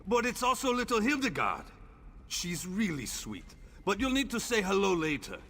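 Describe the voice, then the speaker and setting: An eager, gravelly big-brother hunter. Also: male voice, high-pitched, very animated, moderate pace, sharp tone, slight background noise, heavily acted. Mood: storytelling. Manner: effusive, welcoming. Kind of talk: video game dialogue. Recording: game audio with faint music.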